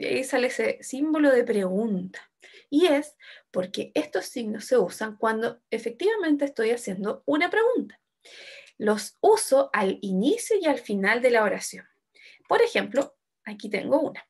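A woman teaching an online class to young children. Her fairly high voice swoops up and down as she acts out example sentences with feeling. Her tone has a gravelly, husky edge. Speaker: primary school teacher.

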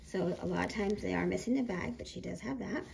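A woman vlogger talks in a casual, rambling way, often correcting herself. Her medium-pitched voice is a little harsh and hoarse from sickness, with a gravelly creak. It is recorded in a roomy space with clear background noise. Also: fairly quick, a little mellow. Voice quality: slightly harsh, rough voice. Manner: informal, rambling, self-correcting. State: getting over a sickness, slightly hoarse. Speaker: doll collecting vlogger. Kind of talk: casual chatty hobby haul commentary.

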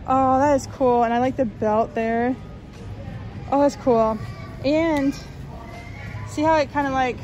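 A woman vlogging casually while shopping in a large clothing store, upbeat and chatty with lots of fillers. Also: high-pitched. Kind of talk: casual shop-with-me narration.

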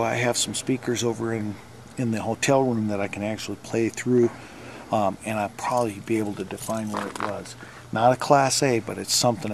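A man's voice: medium pitch, gravelly, darkish tone. A middle-aged man hosting a paranormal investigation, explaining things casually to the camera. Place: outdoors at night in town. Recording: noisy outdoor camcorder audio, traffic ambience.

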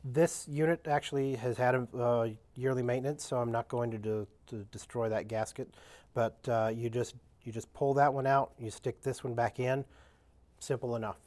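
A man walks through a maintenance job at a workbench, explaining each step aloud in a plain, halting way. His voice sits at an ordinary middle pitch, and he fills pauses with "uh" and restarts as he works. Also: fairly even intonation, a little mellow. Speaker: equipment demonstrator. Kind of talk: unscripted how-to demonstration. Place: indoor workshop with benches.

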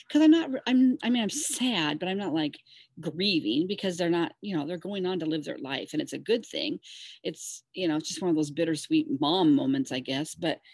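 A woman's voice: fairly low pitch, darkish tone, dry recording. A middle-aged woman co-hosting a casual chat, telling a rambling, emotional story with many restarts. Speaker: co-host.

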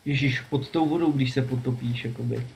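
Male co-player, average pitch, teasing, slight noise on the line. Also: gravelly, darkish tone, rough recording. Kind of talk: casual let's-play banter.

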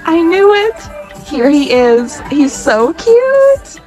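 A woman in her twenties talking casually and excitedly to a phone camera while shopping in stores. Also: very high-pitched, takes it slowly, soft background music. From California. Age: 20s. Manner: gushing, excitable, chatty. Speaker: vlogger. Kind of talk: casual shopping vlog narration. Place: in stores with background music, holding a phone.

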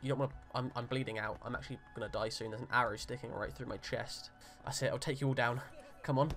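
A young man giving jokey, excitable let's play commentary, pleading with and yelling at the game. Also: medium pitch, fast, soft background music. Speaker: gamer.

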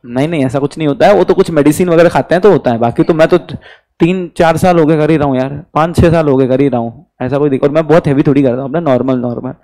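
A man's voice: fairly high pitch, fast talker, dark tone, low-quality recording. Chatty Indian man teaching live online. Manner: chatty, teasing, mixes Hindi and English. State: mild fever, recovering throat. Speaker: online commerce exam tutor. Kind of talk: casual live online lecture.

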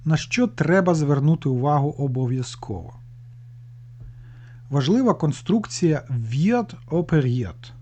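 Guy teaching grammar, kinda high voice but mellow, slow and patient. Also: lively intonation. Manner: patient, explains word by word with restarts. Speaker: language teacher. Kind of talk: explaining German grammar in a lesson.

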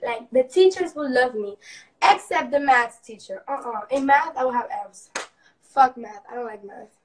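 A young woman livestreaming, telling a school story in a brash, profane, animated way. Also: sits high, recorded from a distance, poor audio. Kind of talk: casual storytelling.

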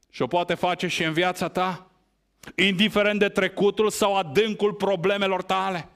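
A man preaching a sermon, asking rhetorical questions and stressing his points with big rises and falls in pitch. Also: bright, forceful tone, clear, resonant tone. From Romania. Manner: emphatic, rhetorical questions, wide swings in pitch.

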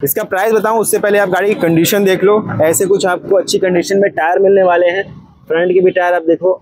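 A young man with a bright, high-pitched voice walks an open-air used car lot. He talks in a chatty, casual way and keeps calling the viewer brother. He sounds like he is filming on a handheld phone. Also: little pitch movement, quick pace, no room sound. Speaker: vlogger touring a used car market. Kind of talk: casual walkaround commentary.

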